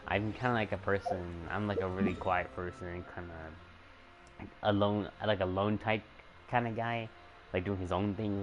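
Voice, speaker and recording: A young man streaming a game, talking casually in a quiet, hesitant way with many fillers and restarts. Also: low voice, low-quality recording.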